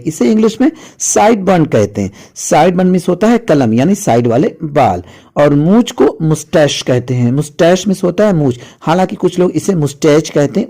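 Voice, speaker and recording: A man's voice: fairly high pitch, mellow. A man teaching English vocabulary in Hindi, patiently repeating each word with its meaning and addressing viewers as friends. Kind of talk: explaining vocabulary lesson in Hindi.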